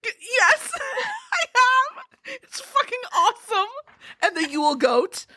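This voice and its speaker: A woman co-hosting a podcast in casual chat, talkative and swearing freely, often breaking into loud laughter. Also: very high-pitched, big pitch swings, slow, no echo. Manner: chatty, swears freely, laughs loudly at her own jokes. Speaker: podcast co-host.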